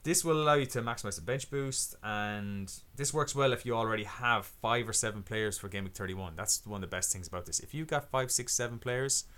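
A man's voice: lowish voice, fairly quick, few pauses, pushed and bright. A man co-hosting a podcast, explaining fantasy football plans step by step in casual chat, often restarting his sentences. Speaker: podcast co-host.

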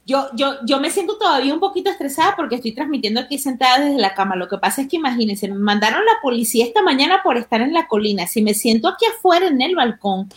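High-voiced woman telling stories. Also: quick pace, few pauses. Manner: animated storytelling, laughs often. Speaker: podcast host. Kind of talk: casual chat. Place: bedroom.

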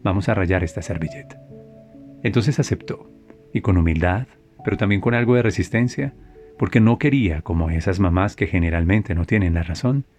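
A man, telling a reflective story in a calm way and repeating phrases for emphasis. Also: low voice, fairly quick, faint music behind. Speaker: spiritual speaker.

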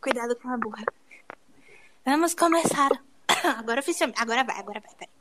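High-voiced playful Brazilian woman. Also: brisk, a crowd in the background, rough recording. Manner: playful, self-mocking, lively storytelling. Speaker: podcast host. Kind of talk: joking podcast monologue.

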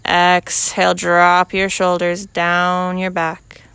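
A woman instructing a guided yoga class, calmly cueing breath and movement in short, measured, unhurried phrases. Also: fairly low pitch, smooth, no room sound.

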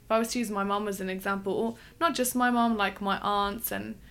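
Woman, interview guest, thoughtful, frequent ums, mid pitch, conversational. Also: fairly even intonation, fairly quick, a bit bright. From England. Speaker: wedding dress designer, guest.

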